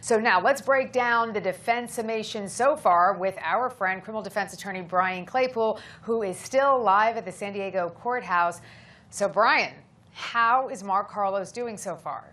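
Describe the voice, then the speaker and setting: A woman's voice: medium pitch, unhurried, fairly bright tone. A woman hosting a live legal news discussion, speaking in an emphatic, argumentative way.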